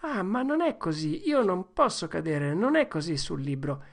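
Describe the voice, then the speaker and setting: A woman's voice: big pitch swings, normal speed. Woman doing a bossy boy playing outlaw. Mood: bold, theatrical. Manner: high-pitched, loud, theatrical declaiming.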